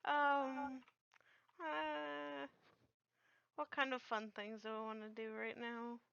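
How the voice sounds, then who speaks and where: A woman's voice: sits high, completely flat delivery, slow pace, gravelly, fairly bright tone, smooth, dry recording, highs cut off. A woman streaming a card game in casual chat, hesitant with many ums and the odd swear word.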